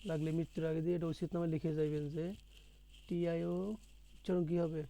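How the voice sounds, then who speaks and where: A man's voice: fairly high pitch, little pitch movement, moderate pace, creaky, warm tone, poor audio. A man teaching a one-on-one spoken English lesson, patiently repeating words and quizzing his student.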